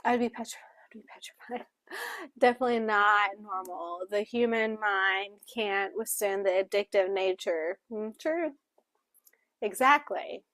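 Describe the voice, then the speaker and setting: A woman co-hosting a casual book club discussion, talking in an expressive, chatty way while also voicing interpreted signing. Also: mid-range voice, unhurried, no echo. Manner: expressive, chatty, with frequent fillers.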